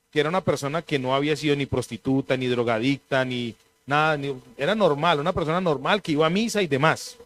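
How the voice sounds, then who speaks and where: A man preaching a sermon, telling stories animatedly and clearing his throat now and then. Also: on the high side. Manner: animated storytelling, mimics voices in anecdotes.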